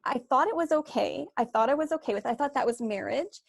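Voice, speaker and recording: A woman's voice: high voice, expressive, fast, creaky, dry recording, clean studio sound. A woman life coach giving a candid online workshop talk, telling her story with many "you know"s and "like"s over a video call.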